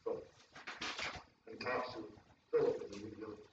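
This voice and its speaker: A man's voice: fairly low pitch, fairly even intonation, moderate pace. A man giving a homespun, rambling sermon with jokes as a lay preacher, recorded from a distance in a church room. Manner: homespun, rambling storyteller who laughs at his own jokes. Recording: very echoey room, distant lo-fi mic with faint hiss.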